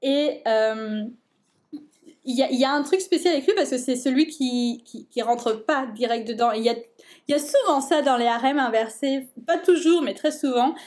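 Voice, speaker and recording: A young woman with a notably high voice talks to her viewers in a loose, excited way. She keeps tripping over fillers and restarting her sentences as she gushes. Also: moderate pace. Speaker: book vlogger. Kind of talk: casual chat.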